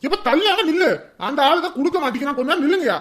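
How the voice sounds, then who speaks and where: An actress playing a loud, bossy village woman handing out food and ordering a crowd into line. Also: high voice, expressive, racing.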